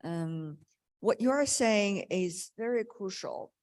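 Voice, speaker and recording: A woman's voice: mid-range voice, lively intonation, slow pace, a little mellow. A woman moderating a policy panel discussion, affirming speakers and making joking asides.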